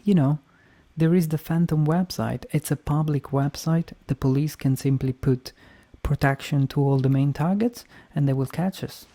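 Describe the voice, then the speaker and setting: A man's voice: fairly high pitch, moderate pace, warm tone. A man giving casual game playthrough commentary, arguing his points and repeating them for emphasis. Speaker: video game streamer.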